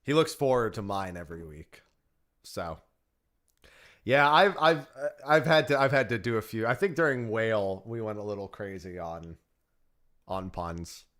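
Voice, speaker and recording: A man's voice: on the low side, moderate pace, fairly bright tone. A man hosting a stream, talking casually in a group voice chat. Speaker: stream host.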